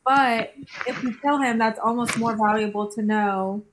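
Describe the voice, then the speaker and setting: A woman's voice: a little high, steady tone, normal speed, noisy background. A woman casually talking tactics as a player in a social deduction game.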